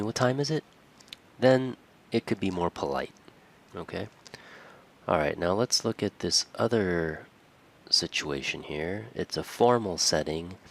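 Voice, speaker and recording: Deep voiced guy teaching english real slow, patient, says the examples over. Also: vocal fry, a bit bright. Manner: acts out short example dialogues. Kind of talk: explaining lesson to camera.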